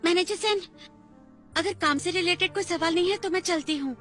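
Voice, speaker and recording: A woman's voice: very high voice, fairly quick, a bit bright. A woman dubbing a young female intern who is guarded and proud, over background music. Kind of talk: Hindi dub of a drama. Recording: music under dialogue.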